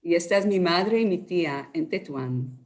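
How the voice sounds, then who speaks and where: A woman with a Moroccan Judeo-Spanish Haketia accent, explaining carefully with many pauses as an interview guest. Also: fairly low pitch. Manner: measured, with many hesitations and lively quoted voices.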